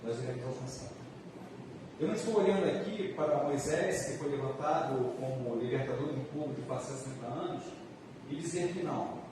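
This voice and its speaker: A Brazilian man preaches as a pastor in a fairly high voice. He leans on repeated, drawn-out phrases for emphasis. The sound is strongly reverberant and distant from the mic, as in a big church room. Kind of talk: church sermon. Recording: echoey hall, distant mic, noisy.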